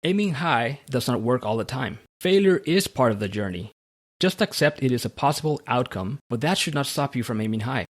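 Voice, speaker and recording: A man from Central America, hosting a podcast in a measured, read-aloud manner. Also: mid-range voice, lively intonation. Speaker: podcast host. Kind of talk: scripted podcast monologue and interview.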